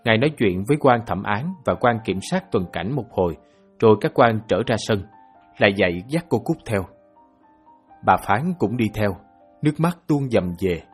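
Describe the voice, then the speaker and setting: A man narrating a novel as an audiobook in a steady storytelling manner. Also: on the low side, normal speed, slightly rough, faint music behind.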